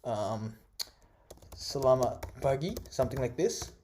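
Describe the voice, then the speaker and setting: A young man whose first language is Indonesian runs an online course through a screen recording, with a mid-range, mellow, animated voice at a measured pace and slight background noise. He speaks casually, leaning on fillers and frequent "right?" tag questions.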